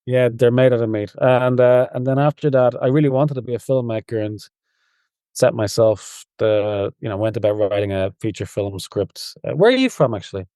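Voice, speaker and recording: A man with a soft Dublin Irish accent, telling stories in a relaxed, rambling way as a podcast guest. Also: medium pitch, moderate pace, smooth, dry recording, studio quality. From Ireland. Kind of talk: casual interview.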